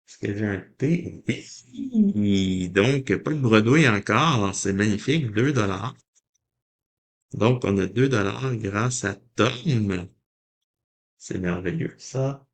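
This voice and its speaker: A man with a Québécois French accent, chatting casually to viewers as he scratches lottery tickets and reads out the symbols and letters. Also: lowish voice. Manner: chatty, addresses viewers as ladies and gentlemen, mild mock drama. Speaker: lottery scratch-card vlogger.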